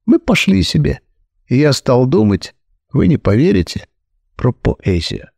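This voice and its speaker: A man reading an audiobook aloud with lively, ironic storytelling. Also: medium pitch, measured pace, gravelly, dry recording. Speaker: audiobook reader. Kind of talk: expressive audiobook narration.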